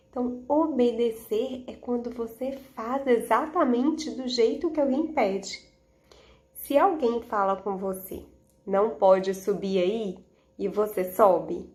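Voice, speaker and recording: A Brazilian woman teaches children in the manner of a kids show host. Her voice sits on the high side and she takes her time, speaking very slowly. She asks simple questions, repeats them, and leans on key words as she tells a Bible lesson. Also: a little mellow. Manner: didactic, with emphatic key words.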